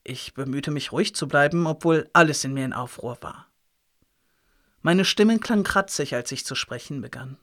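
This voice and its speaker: A man reads a first-person novel aloud with expressive, dramatic delivery. His voice sits slightly above the typical male range. The narration is steady and story-driven. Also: on the high side, moderate pace. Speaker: audiobook reader.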